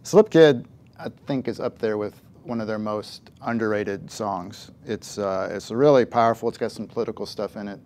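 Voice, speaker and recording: A man's voice: on the low side, normal speed, darkish tone. A man co-hosting a casual music chat as a music writer, giving opinions in a dry, wry way.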